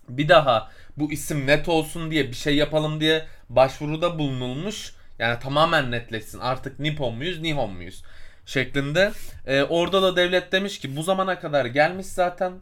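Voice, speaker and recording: A man's voice, on the high side and a bit bright, carries a long, loose story on the travel podcast he co-hosts. It's casual chat, packed with fillers as he searches for what to say.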